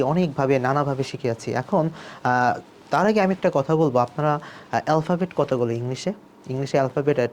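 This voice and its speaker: A man teaching an online spoken English class. He repeats each sound slowly as he demonstrates it, with filler hesitations. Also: medium pitch, a little mellow, slight background noise. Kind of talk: online video lesson.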